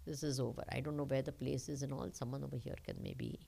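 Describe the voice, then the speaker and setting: This spiritual teacher, a woman with an Indian accent, has an extremely low, mellow voice with vocal fry, fairly even intonation and a fast pace. She explains her points step by step in a question-and-answer discourse, repeating them and checking understanding.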